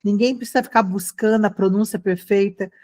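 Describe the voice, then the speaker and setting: An online English teacher with a Brazilian accent leads a conversational language lesson at a fairly quick pace. Her medium-pitched voice sounds encouraging and animated, and she often checks in with her students through short questions.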